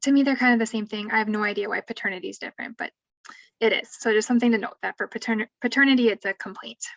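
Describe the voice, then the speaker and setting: High-voiced woman on a distant, muffled mic. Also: racing, gravelly, no room sound. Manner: conversational, thinks aloud with asides. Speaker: family law advocate. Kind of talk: webinar explanation. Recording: distant dull lo-fi mic, dry.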